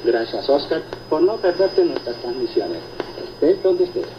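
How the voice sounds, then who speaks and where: A slightly high, expressive male voice, a little slow, co-hosts a radio program, answering listener reports conversationally as he reads them. The shortwave reception is noisy, muffled, and echoey, with loud static in the background.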